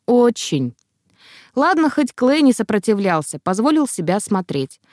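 A woman's voice: on the high side, big pitch swings, a little fast, darkish tone, no echo, studio quality. Woman narrating a first-person novel. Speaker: audiobook narrator.

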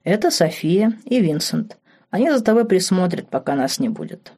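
A woman reading an audiobook voices a solemn teenage boy who explains things calmly. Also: sits high, normal speed, husky, heavily acted. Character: solemn teenage boy, responsible older brother.

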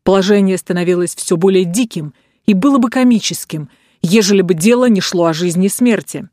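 A woman reading a novel aloud in an even, measured way. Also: mid-range voice, no echo, clean studio sound. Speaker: audiobook reader. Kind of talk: scripted narration of a novel.

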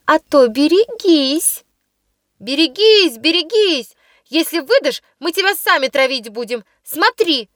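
A woman's voice: extremely high pitch, lively intonation, no room sound, studio quality, voice pushed up, full character voice. A woman voicing a plump little schoolgirl who issues warnings. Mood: threatening. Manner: slow, warning. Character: plump round schoolgirl, threatening.

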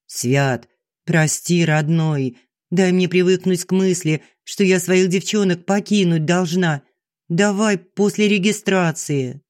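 A man reading an audiobook, voicing a domineering young female student who rumbles out her demands. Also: takes it slowly. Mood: demanding. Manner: commanding, rumbling.

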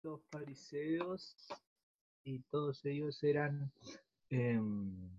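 A man's voice: on the high side, lively intonation, extremely slow, a little mellow, no room sound, muffled recording. A man calling in to a Bible study with his phone held away from his mouth, so he sounds faint and distant, speaking hesitantly and checking whether the line works. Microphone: phone on a call.

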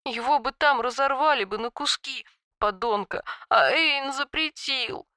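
A woman voicing a grieving female dragon who speaks in hushed, tearful, theatrical tones. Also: mid-range voice, moderate pace, dry recording, clean studio sound, natural voice.

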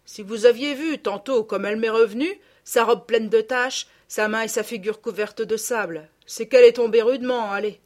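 A woman doing a loud blunt peasant gardener woman. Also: on the high side, moderate pace, few pauses, pitched above the performer's own voice, natural voice. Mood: gossiping. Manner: blunt rustic country speech, scolding. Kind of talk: audiobook character reading.

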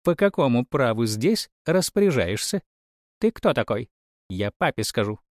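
A man's voice: big pitch swings, normal speed, dry recording, clean studio sound, close to an everyday voice. A man voicing a spoiled, capricious young princess who whines and throws tantrums. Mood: accusing. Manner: shrill, whiny, throws tantrums.

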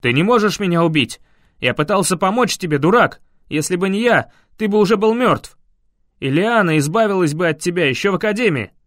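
A man voicing a bitter, desperate young male cousin who shouts accusations in an audiobook. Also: high voice, lively intonation, drawn-out words, hardly any pauses, no room sound, studio quality, exaggerated voice.

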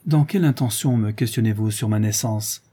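A man's voice: fairly low pitch, brisk, warm tone, breathy edge. A man reading an audiobook, voicing a dignified, earnest young suitor with a grave delivery.

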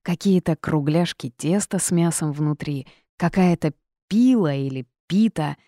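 A woman reading a first-person audiobook with lively, wry storytelling. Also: low voice, a little slow, no echo, studio quality. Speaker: audiobook narrator.

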